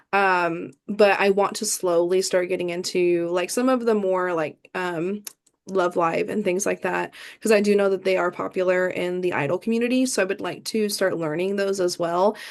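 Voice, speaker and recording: The guest here is an idol performer, a young woman from the American Midwest with a smooth, medium-pitched voice. She answers the interview chattily, with plenty of fillers and restarts.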